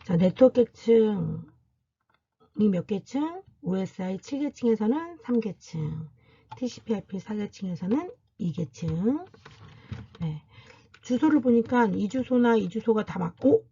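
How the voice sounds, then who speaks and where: A woman's voice: medium pitch, expressive, measured pace, mellow, husky, muffled recording. A woman university lecturer giving a recorded classroom lecture, explaining step by step and asking and answering her own questions.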